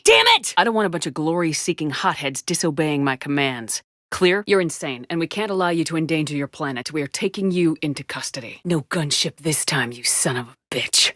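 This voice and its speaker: A woman's voice: sits low, fairly bright tone, no room sound, studio quality. A woman playing a tough, resolute military commander in a science fiction video game, speaking firmly and earnestly in clipped, commanding phrases. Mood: urgent, shouting. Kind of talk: video game voice acting, dramatic.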